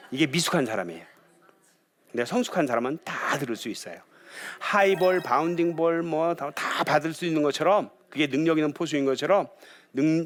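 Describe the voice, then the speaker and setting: A man who is a pastor gives a lively lecture on marriage and conversation, often putting questions to his audience. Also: a little high.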